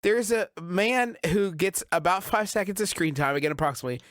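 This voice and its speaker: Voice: medium pitch, a little fast, fairly bright tone, dry recording, studio quality. A podcast co-host chatting casually about a film, laughing often and swearing loosely. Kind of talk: casual comedic film discussion.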